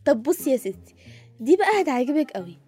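An actress playing a coaxing young granddaughter with an Egyptian accent in a comedy sketch. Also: female voice, high-pitched, big pitch swings, fast, warm tone, faint music behind. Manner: coaxing, teasing, patient.

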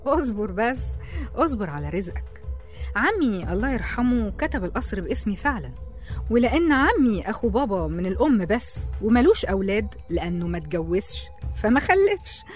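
Woman doing a scheming egyptian girl in a radio drama, calm and mocking, faint music under it. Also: medium pitch, close to an everyday voice. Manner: calm, taunting, in control. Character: cunning young woman revealing her revenge plot. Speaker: office colleague.

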